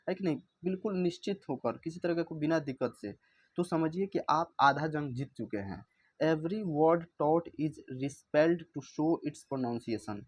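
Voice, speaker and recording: Indian man teaching English words. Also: fairly high pitch. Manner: reads English slowly then explains in Hindi; repeats words aloud to drill pronunciation. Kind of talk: explaining a vocabulary book.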